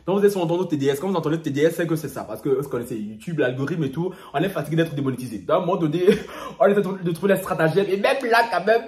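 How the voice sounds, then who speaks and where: A man's voice: sits high, darkish tone, reverberant. A man hosting a gossip commentary vlog, talking in a theatrical way with sing-song asides and repeated catchphrases, and laughing at his own jokes. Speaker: YouTuber.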